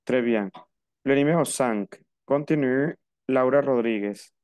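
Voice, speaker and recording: A man's voice: mid-range voice, takes it slowly, a little mellow, clear, resonant tone, no echo. A man teaching an online French class in Spanish. He patiently repeats the rules and spells them out for his students.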